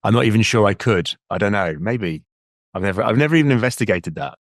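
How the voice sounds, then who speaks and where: Fast and animated, a low-voiced Englishman of about fifty with an English accent talks as a guest leadership coach in a relaxed interview, repeating words as he reflects. The recording is dry and clean, with studio sound.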